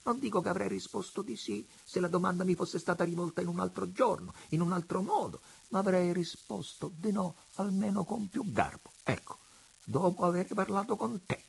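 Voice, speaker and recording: A man reading a calm, probing father. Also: sits high, vocal fry, slightly rough, voice pushed up, heavily acted. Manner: calm, slow, teasing questions. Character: middle-aged father, calm, probing, coolly cruel.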